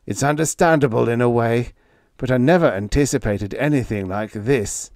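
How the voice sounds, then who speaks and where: A man's voice: mid-range voice, normal speed, darkish tone, no room sound, studio quality, voice pushed up, close to an everyday voice. A man voicing a frightened, grey-haired male scientist who talks earnestly and shakily. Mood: shaken.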